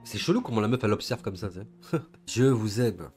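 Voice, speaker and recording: A young man from southern France giving casual, slangy reaction commentary with excitable, laughing asides. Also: fairly low pitch, brisk, faint music behind. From southern France, Gard area. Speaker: reaction video host.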